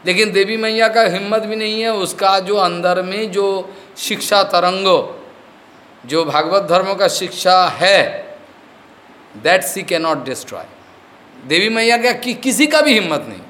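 A man's voice: high-pitched, slow pace, fairly bright tone, a little hiss or hum. A man giving a devotional discourse as a spiritual teacher, explaining with stories, slipping in English words and often asking whether his listeners have understood.

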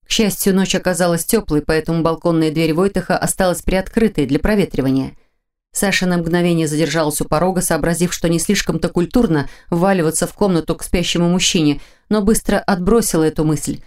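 Low-voiced woman narrating an audiobook. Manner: even, measured storytelling. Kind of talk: scripted narration.

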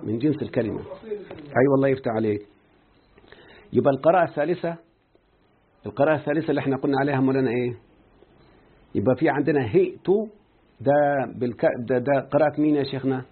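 Over what sounds like a tinny phone line, a medium-pitched, slightly breathy man with an Egyptian Arabic accent gives a grammar lesson. He keeps testing his student with questions and says words over slowly.

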